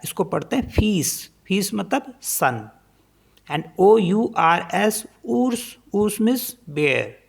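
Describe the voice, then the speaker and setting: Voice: medium pitch, creaky. A language teacher explaining French pronunciation in Hindi, spelling each word letter by letter and then repeating how it is read.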